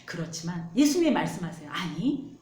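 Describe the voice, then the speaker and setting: A woman pastor preaching a sermon in an animated, emphatic way. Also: fairly low pitch, fairly quick, reverberant.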